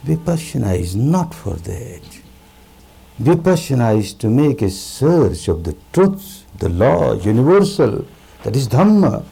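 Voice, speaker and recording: A man giving a spiritual discourse as a meditation teacher, speaking deliberately with emphatic repetition and pauses. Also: on the high side, creaky, dark tone, low-quality recording.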